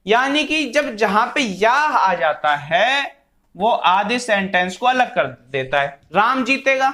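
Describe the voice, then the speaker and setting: A male teacher walks through a grammar lesson at a deliberate, unhurried pace, his voice sitting fairly high for a man. He explains patiently with simple everyday examples and dictates words one at a time as he writes them out. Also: bright, forceful tone. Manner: slow, dictating words one by one while writing.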